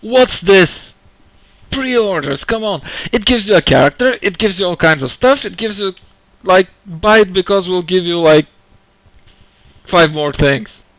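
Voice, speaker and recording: A man's voice: high-pitched, animated, measured pace, a bit bright, no room sound. A man delivering an angry, unscripted rant as video commentary, exasperated and indignant, hammering his points by repeating phrases. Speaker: gamer giving opinion on a game franchise.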